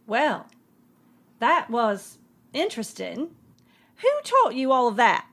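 A woman's voice: fairly high pitch, very animated, slow, a bit bright, full character voice. A woman playing a haughty, easily affronted wealthy school sponsor, with a prim, pompous way of talking. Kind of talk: scripted comedy sketch.

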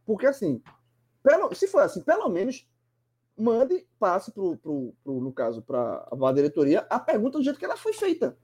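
Husky, lively sports commentator. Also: mid-range voice, moderate pace. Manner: animated, emphatic, many restarts. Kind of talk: casual sports talk.

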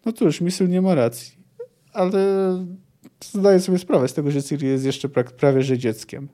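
Mellow-voiced man discussing a book. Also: a little high, fairly even intonation, moderate pace. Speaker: podcast host. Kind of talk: book discussion with read-aloud passages.

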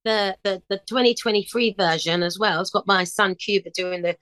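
A middle-aged woman, a singer and DJ, talks through her plans in a casual interview. She is chirpy and upbeat and tells her stories with animated energy. Her voice sits in an ordinary middle range and is recorded close on a dry mic. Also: mid-range voice, normal speed, clear, resonant tone, dry recording, poor audio. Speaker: singer and DJ guest.

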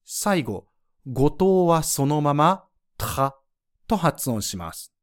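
A man's voice: on the high side, sing-song, slow. A man teaching French pronunciation in a scripted lesson, explaining the rules patiently and spelling out sounds one by one.

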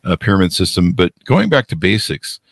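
A man hosting a podcast, chatting casually and self-deprecatingly with animated asides. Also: low voice, brisk, gravelly, no room sound, studio quality. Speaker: podcast host.

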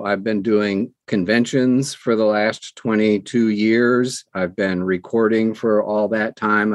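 Speaking on the low side with no room sound, this man in his sixties is an audiobook narrator being interviewed. He chats in a folksy, conversational manner and repeats phrases to drive points home.

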